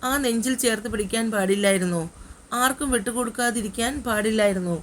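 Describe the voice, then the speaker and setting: A woman's voice: fairly high pitch, fast, a little hiss or hum, lightly acted. A woman voicing a sobbing heartbroken young woman. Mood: bitter reproach. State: crying.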